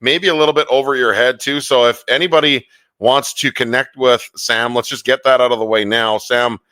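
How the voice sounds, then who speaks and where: Middle-aged male podcast host, mid pitch, casual and cursing, dry close sound. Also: fairly even intonation, normal speed, pushed and bright, no echo. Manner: enthusiastic, profane. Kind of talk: casual interview chat.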